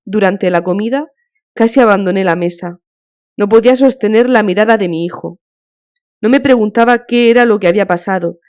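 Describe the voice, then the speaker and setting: A woman's voice: mid-range voice, a little mellow, close to an everyday voice. A woman reading as a broken, thin-voiced grieving man. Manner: weary, broken, halting complaint. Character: grieving, humiliated middle-aged man, stiff official. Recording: dull lo-fi audiobook recording.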